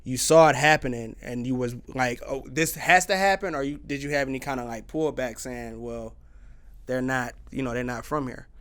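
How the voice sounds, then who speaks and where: A man hosting a relaxed interview, asking questions and giving many short "yeah" and "mm-hmm" replies. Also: medium pitch, normal speed, smooth. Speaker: interview host. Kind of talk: casual interview talk.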